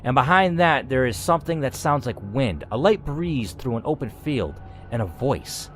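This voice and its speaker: With a medium-pitched voice at a moderate pace, a man gives a theatrical rendition of a scripted story, narrating aloud in the role of a gaming host. His reading is expressive and dramatic, with asides. A little background noise is audible.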